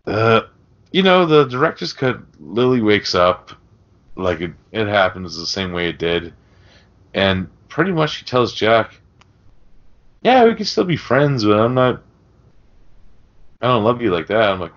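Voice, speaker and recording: On dull, lo-fi podcast audio, a male co-host discusses film casually, rambling and swearing conversationally. His voice sits lowish and comes across a bit bright.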